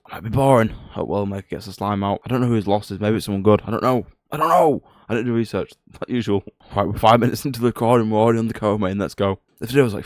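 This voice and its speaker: Young roadman guy doing fight picks, talks quick, lowish voice, sweary and fed up. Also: no room sound, studio quality. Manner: flat, low-energy, grumbling. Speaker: MMA prediction video host. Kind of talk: casual fight commentary.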